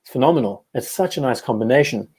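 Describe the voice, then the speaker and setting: A man's voice: mid-range voice, lively intonation, fast talker, darkish tone, breathy edge. Chatty young man hosting a livestream. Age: 20s. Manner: chatty, reads live chat aloud, self-correcting. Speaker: host. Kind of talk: casual livestream chat.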